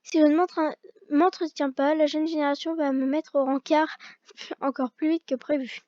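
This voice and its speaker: A woman's voice: sits high, level tone, moderate pace, warm tone, dry recording, lightly acted. A woman voicing a tired male cop of 38 who jokes about feeling old, in dry self-deprecating banter. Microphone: old gaming headset. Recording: dull lo-fi gaming headset mic.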